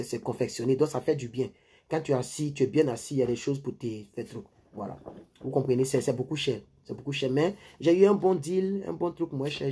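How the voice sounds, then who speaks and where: Male vlogger, mellow and a bit raspy, loose and repetitive, talks directly to his viewers. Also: fairly high pitch. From Ivory Coast. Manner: rambling, repeats himself, addresses viewers directly. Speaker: YouTuber giving life advice. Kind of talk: casual advice monologue.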